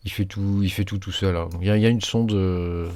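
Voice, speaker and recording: Low-voiced man, dry halting walkthrough. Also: steady tone, darkish tone, no echo. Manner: halting, many fillers and restarts. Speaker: maker channel host. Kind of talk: casual screen walkthrough.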